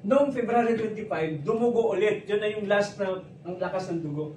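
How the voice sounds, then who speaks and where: Filipino guy, high voice, chatty business pitch, echoey room w noise in the back. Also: moderate pace, darkish tone. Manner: chatty storytelling, jokes and laughs often. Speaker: network marketing presenter. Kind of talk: business opportunity presentation. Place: presentation room. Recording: echoey room, distant mic, background noise.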